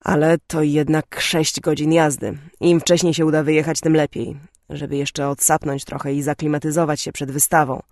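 A woman's voice: low voice, little pitch movement, moderate pace, no room sound, studio quality. A woman doing a timid, chatty father. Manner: hesitant, gently nostalgic. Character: timid, talkative middle-aged father.

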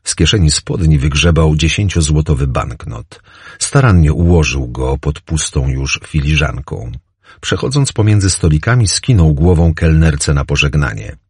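A man narrates a novel in a measured, descriptive way. His voice is very deep and husky, and his pitch moves in a lively, varied way. The recording is dry and close. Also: no room sound. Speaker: audiobook narrator.

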